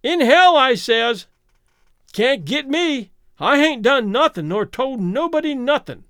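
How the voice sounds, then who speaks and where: A man's voice: very high voice, very animated, takes it slowly, fairly bright tone, clean tone, no echo, clean studio sound, voice pushed up, heavily acted. A man voicing a mad, terrified old townsman, ranting in rustic speech. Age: older. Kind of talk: audiobook character voice.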